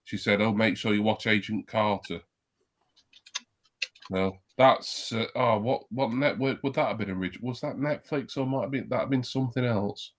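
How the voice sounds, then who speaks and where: A man's voice: on the low side, moderate pace. A man in casual chat on a livestream call, meandering and thinking aloud as he talks.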